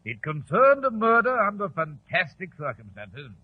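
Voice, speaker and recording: An actor playing a genial, courteous gentleman doctor telling stories from his memoirs in 1940s radio style. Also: sits high, wildly swooping pitch, slightly rough, heavily acted. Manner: genial, courteous, measured storyteller. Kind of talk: 1940s radio acting, storytelling narration. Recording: tinny, noisy old radio recording.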